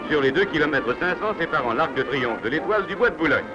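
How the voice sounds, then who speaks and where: Loud music plays under a dull, aged film soundtrack from the 1950s. Over it, a man narrates a newsreel in a somewhat high voice. His delivery is scripted, formal and declamatory. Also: animated, quick pace. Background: loud background music.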